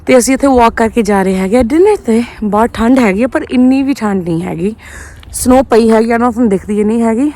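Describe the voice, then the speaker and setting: A woman with a slightly high voice talks in a casual vlog style. She is chatty and informal, and she drops English phrases into her sentences as she addresses her viewers. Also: fairly quick, mellow. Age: adult, a mother of children. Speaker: vlogger.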